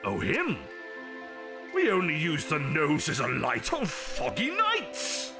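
A man's voice: fairly high pitch, huge pitch swings, takes it slowly, creaky, music in the background, full character voice. A man playing a jolly old Father Christmas in an audio drama, hearty, theatrical and chuckling. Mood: merry, reassuring. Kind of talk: fan audio drama acting.

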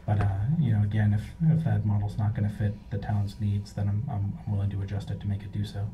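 A man's voice: on the low side, completely flat delivery, fast talker. A man applying before a zoning board, answering questions hesitantly with repeated restarts. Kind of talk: public meeting testimony. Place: town meeting room. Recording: distant, dull, faintly noisy mic.

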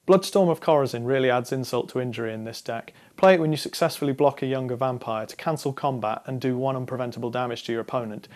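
A young man in his twenties talks straight to camera in a scripted explainer, walking through card game strategy. His delivery is measured and instructive. His voice sits at an ordinary mid pitch. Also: a little mellow. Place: studio against a dark backdrop.

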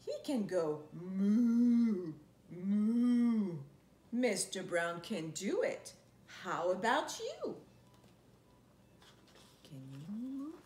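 A camera a few feet away captures a woman in her thirties on a living room couch, reading a children's picture book aloud with playful sound effects. Her mid-range, warm voice swings widely in pitch, moving very slowly with frequent pauses as she draws out words and imitates noises. The sound is roomy and echoey, with faint noise.

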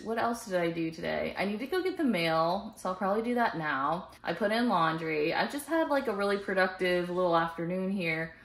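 A woman's voice: medium pitch, low-quality recording. Chatty young woman vlogging to camera. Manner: chatty, says "like" a lot. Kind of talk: casual vlog chat. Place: car, gym, bedroom and kitchen. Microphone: camera held at arm's length.

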